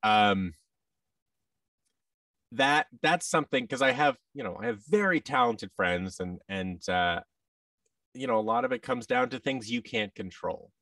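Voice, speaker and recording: As a guest on a podcast, this audio drama creator in his thirties talks casually over a video call from an indoor room, animatedly performing the exchanges he quotes. His voice is fairly low and measured, with long pauses. He uses a boom-arm microphone with headset, but he sounds recorded from a distance, with no echo.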